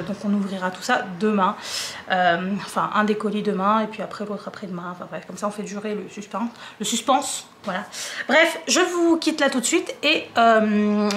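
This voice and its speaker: A woman's voice: mid-range voice, a bit bright. A young French woman chatting casually and rambling through an unboxing vlog at home, with a slight cough. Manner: rambling, lots of fillers and repeats. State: coughing a little. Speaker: vlogger. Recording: roomy echo, faint hum.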